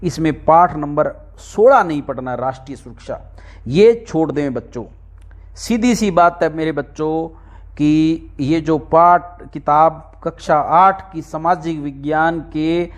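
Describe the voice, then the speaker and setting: A man's voice: fairly high pitch, slow. A middle-aged male teacher walks students through a textbook index chapter by chapter, calling them his dear children and repeating each point for emphasis. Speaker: exam-prep teacher.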